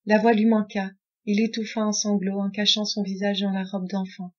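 Woman reading a novel aloud, flat steady delivery, kinda muffled audio. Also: medium pitch. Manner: measured, even storytelling. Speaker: audiobook reader. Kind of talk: audiobook narration.

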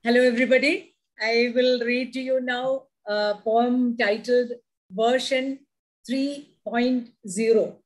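A middle-aged woman with a South Indian accent, a native Malayalam speaker, reading and introducing a poem with deliberate, expressive phrasing over a video call. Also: a little high, low-quality recording. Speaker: poet reading own work. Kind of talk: poetry reading with explanatory introduction. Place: indoor room at home, video call. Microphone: video call microphone.

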